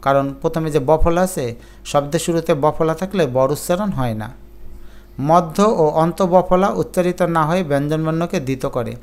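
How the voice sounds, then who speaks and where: A man's voice: a little high, fairly quick, darkish tone, clean tone. A male teacher giving an exam-prep lecture, explaining pronunciation rules step by step with worked examples. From Bangladesh.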